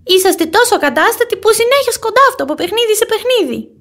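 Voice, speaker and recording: A woman voicing a stubborn young boy bunny in a storybook reading, shrill and whiny. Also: animated, fairly bright tone. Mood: earnest.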